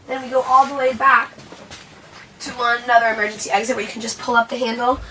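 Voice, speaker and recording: High-voiced woman presenting a training video. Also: flat delivery, fast, sharp tone. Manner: instructional, explaining and demonstrating to viewers. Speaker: presenter of a school bus safety video. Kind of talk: training video walkthrough, spoken to camera. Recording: distant mic, clearly noisy ambience.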